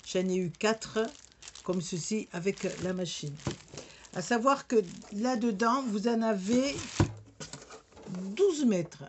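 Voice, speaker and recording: Slowly and with many pauses, a medium-pitched woman with a regional French accent walks through a sticker machine demo. Her hesitant, casual crafting demonstration is full of fillers and restarts, and there's background noise.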